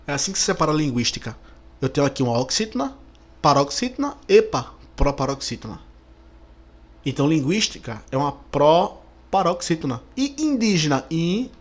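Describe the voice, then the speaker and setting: A man with a Brazilian Portuguese accent explaining exam questions as a teacher, lively, drawing out key words and checking in with students. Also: on the high side, brisk.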